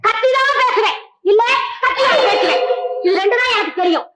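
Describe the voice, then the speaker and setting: Quarrelsome wife, shouting insults, high-pitched, old film comedy. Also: female voice, expressive, fairly quick, very noisy. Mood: bragging. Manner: shouting, insulting, loud bickering. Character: loud quarrelsome married woman picking fights. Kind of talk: 1970s film comedy acting.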